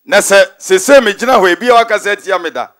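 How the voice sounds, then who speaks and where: A man with a Ghanaian accent preaching a forceful, repetitive sermon in a large stadium, mixing in English phrases. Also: high-pitched, animated, brisk. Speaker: prophet preaching.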